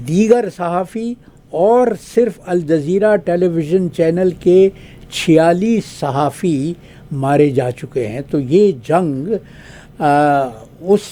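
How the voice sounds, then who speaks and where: Measured and formal, the older Pakistani guest analyst, once a diplomat, offers spoken commentary in a mellow, slightly high voice. Long pauses and lingering fillers separate each point he makes.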